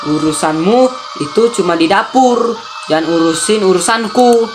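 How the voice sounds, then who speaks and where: Brief: short-tempered middle-aged father figure in a life-sim game, bossy, curt, high and sharp, read by a woman. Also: moderate pace, music in the background, close to an everyday voice. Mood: angry. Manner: snappy, bossy, dismissive.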